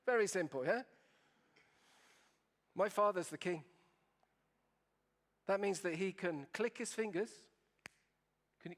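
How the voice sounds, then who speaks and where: A man with an Italian accent, giving a humorous talk to an audience and often asking them questions. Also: on the high side. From Italy. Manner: playful, asks the audience questions. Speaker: keynote speaker.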